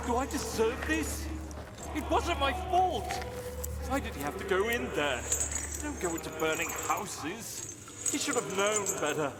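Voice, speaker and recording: A man's voice: high voice, background noise, heavily acted. An actor playing a desperate trapped man in a video game, crying out and raging at fate in anguish.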